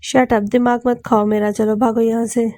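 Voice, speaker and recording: A touchy young man in a storybook reading, irritable and quick to get defensive, as a woman voices him. Mellow, fairly high and dry. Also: level tone, no room sound, close to an everyday voice. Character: touchy young man, flustered medical student brother.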